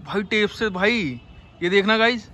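Here an excitable young man from India vlogs casually from a city rooftop, his phone camera serving as the mic. The voice is high and bright with an unhurried pace, full of laughter and encouragement for a friend.

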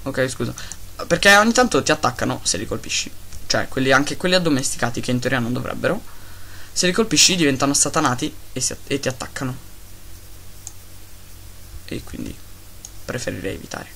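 A man giving casual, excitable gameplay commentary, talking to his pets and grumbling at lag. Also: medium pitch, fairly quick, creaky, pauses often, a little hiss or hum. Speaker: Minecraft let's-player.

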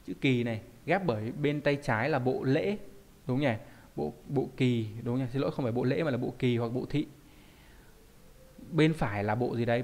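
A man's voice: medium pitch, darkish tone. A man teaching a Japanese kanji lesson, explaining in a conversational way and often asking rhetorical check questions.

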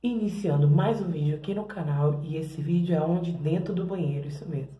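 A woman's voice: deep voice, a little fast, reverberant, highs cut off. A Brazilian woman vlogging in her bathroom as she tests hair products, chatting to her viewers. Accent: Brazilian Portuguese. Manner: chatty, keeps addressing viewers as "gente". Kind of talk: casual product-testing vlog. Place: home bathroom.

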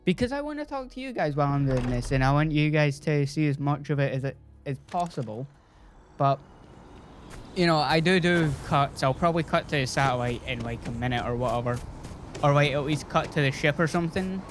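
A man's voice: on the high side, expressive, brisk, faint music behind. A man casually commentating his game playthrough, rambling and joking with his viewers. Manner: rambling, chatty, jokey, talks to his viewers. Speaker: gaming YouTuber. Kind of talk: casual let's-play commentary.

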